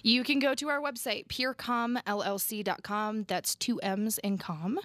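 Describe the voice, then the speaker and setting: A woman's voice: fairly high pitch, fairly even intonation, measured pace, fairly bright tone, no echo. A woman guest on a radio show, explaining her business services in an upbeat, explanatory way and laughing easily. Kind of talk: radio interview.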